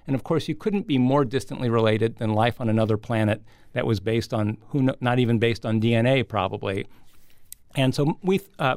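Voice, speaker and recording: A man giving measured, articulate explanations as a scientist guest in an interview. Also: mid-range voice, darkish tone, dry recording, studio quality.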